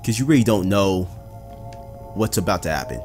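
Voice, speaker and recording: A deep-voiced man gives let's play commentary, chatty and quick to jump into excited reactions. His low tone stays relaxed between outbursts. Faint game music plays underneath. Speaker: gaming video host.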